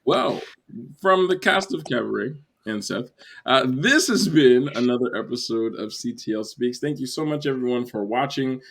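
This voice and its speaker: A man's voice: medium pitch, expressive, moderate pace, creaky, fairly bright tone. A man hosting a casual theatre chat show, asking questions in an easygoing, laughing way. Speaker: podcast host.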